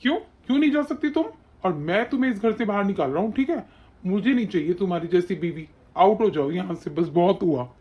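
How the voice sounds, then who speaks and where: A woman voicing a hot-tempered young husband and son in an animated story, harsh and commanding. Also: mid-range voice, a little fast, highs cut off, natural voice. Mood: furious.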